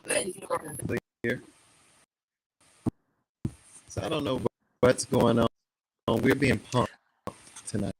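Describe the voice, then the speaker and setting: A man's voice: medium pitch, extremely slow, pauses often, noisy background. A man speaking as a guest on a live show over a remote computer voice call that keeps breaking up. He talks in a laid-back, familiar way. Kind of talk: casual chat.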